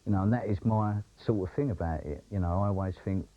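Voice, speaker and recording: A man's voice: sits low, fast talker, a little hiss or hum. A man in a documentary interview, boastful and blunt, swearing freely, heard off a worn VHS tape copy. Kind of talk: candid interview talk. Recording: dull worn tape copy with music behind.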